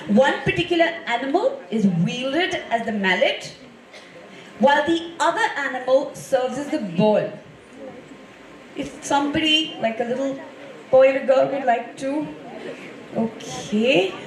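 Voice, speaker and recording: Woman, high voice, polite formal event host, addressing audience, echoey room, distant mic. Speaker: event host quizzing schoolchildren. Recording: roomy hall sound, distant microphone.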